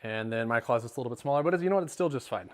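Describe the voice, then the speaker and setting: A man's voice: mid-range voice, lively intonation, rapid-fire. A middle-aged man, joking and rambling as he walks viewers through his home, sometimes out of breath. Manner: joking, rambling, self-deprecating. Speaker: homeowner giving a house tour. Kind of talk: casual house tour vlog. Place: large house, indoors, walking between rooms.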